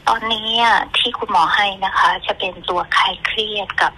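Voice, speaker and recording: A middle-aged woman giving an earnest, halting account in an interview as a mother, often repeating herself. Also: mid-range voice, fairly even intonation, sharp tone, slightly rough, low-quality recording.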